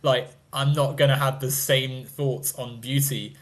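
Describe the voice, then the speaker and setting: A man's voice: mid-range voice, fairly even intonation, unhurried. A young man in his twenties argues his point in a loose, rambling way, full of hedges and little laughs. His voice sits in an ordinary middle register. He speaks as a guest in a casual debate. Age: 20s. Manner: rambling, hedging, laughs often.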